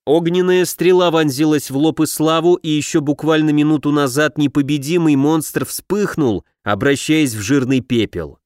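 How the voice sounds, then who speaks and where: Male audiobook narrator, slightly high voice, dry close recording. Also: normal speed, hardly any pauses, darkish tone, no room sound. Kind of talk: scripted narration.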